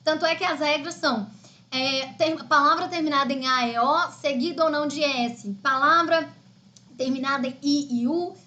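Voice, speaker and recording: A Brazilian woman who teaches Portuguese runs a live online exam-prep lesson in a chatty, step-by-step style, often adding "né?" and "tá?". She has a high, bright voice and a Brazilian Portuguese accent.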